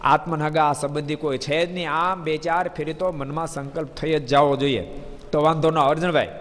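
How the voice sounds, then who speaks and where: Male preacher, fairly high voice, animated sermon delivery, recorded in a reverberant hall. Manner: animated, addresses listeners by name, rising emphatic bursts. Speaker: swami preacher. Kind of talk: devotional sermon with storytelling.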